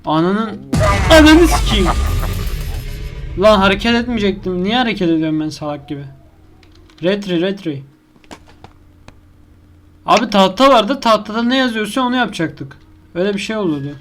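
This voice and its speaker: A man's voice: high voice, animated, fairly quick, long pauses, music in the background. A man giving live horror gameplay commentary as a YouTuber. He swears constantly, yelps when scared and argues with the game's monster. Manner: crude, swears a lot, talks to the game's monster.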